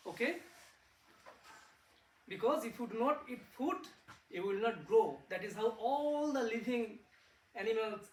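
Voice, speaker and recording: A male physics researcher with an Indian English accent gives a friendly talk to children, using simple words, asking them questions and repeating words for emphasis. His voice is high-pitched, with a little hiss or hum, captured by a distant mic in an echoey room.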